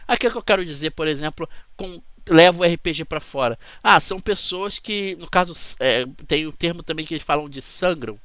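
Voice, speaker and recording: A man's voice: a little high, brisk, hardly any pauses, fairly bright tone, clean tone, dry recording. A man with a Brazilian Portuguese accent, hosting his channel in a chatty, rambling talk to camera that keeps checking in with the listener. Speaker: channel host.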